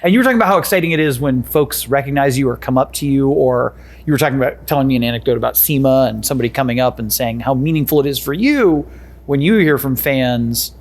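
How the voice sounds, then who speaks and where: A man hosting a podcast interview, quick to chime in with agreement. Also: medium pitch, animated. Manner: quick, frequent affirmations. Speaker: podcast host. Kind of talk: casual interview.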